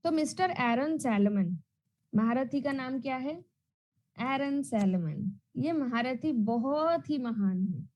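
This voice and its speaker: Loud, high-voiced woman teacher drilling students. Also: lively intonation, takes it slowly, low-quality recording. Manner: repetitive question-and-answer drilling; loud and emphatic. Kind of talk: online class lecture.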